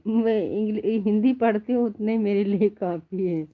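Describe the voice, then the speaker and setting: Woman host, casual live chat, slow and playful, lo-fi phone audio. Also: mid-range voice, no echo. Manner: chatty and playful, laughs often, calls viewers "my child". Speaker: live-stream host chatting with viewers. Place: at home in bed under a quilt.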